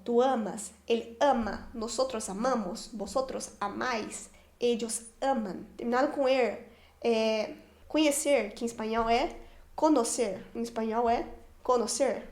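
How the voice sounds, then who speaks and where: Brazilian woman, Portuguese native, Spanish teacher; high pitch, patient repetitive delivery, echoey room. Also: darkish tone. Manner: patient, repeats each form and ending slowly. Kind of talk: explaining grammar to learners.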